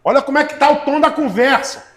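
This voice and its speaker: A man preaches a sermon in a strikingly high voice. He leans hard on slow, stressed phrases, then rushes through the follow-up, and calls on listeners by name. The room around him rings with echo. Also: a bit bright. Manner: talks to the listeners directly, calling on people by name. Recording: echoey room.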